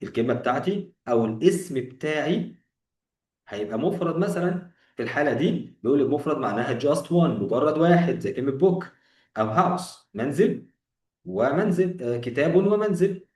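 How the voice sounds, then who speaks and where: A man's voice: a little high, animated, fairly quick, a little mellow, roomy sound, distant mic. A man with an Egyptian Arabic accent teaching beginner English grammar. He asks questions and then answers them himself, and he mixes English terms into his explanations.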